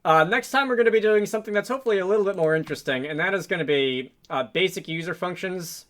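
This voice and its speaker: Fairly high-pitched, bright, and forceful, a man's voice carries a casual game development tutorial. He works unscripted on a screen recording, musing to himself and thinking aloud.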